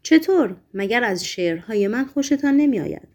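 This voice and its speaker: A woman's voice: mid-range voice, expressive, a little mellow. A blunt, curious young male poet, grudging and a little sheepish in his replies, as a woman reads him in an audiobook. His short answers come out plain and frank. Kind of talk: audiobook reading.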